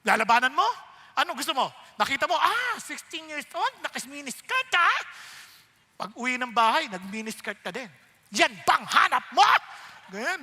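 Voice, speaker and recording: High, bright, animated preacher. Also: male voice. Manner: animated, asks the crowd rhetorical questions, mixes Tagalog and English. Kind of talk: sermon. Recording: long hall reverb.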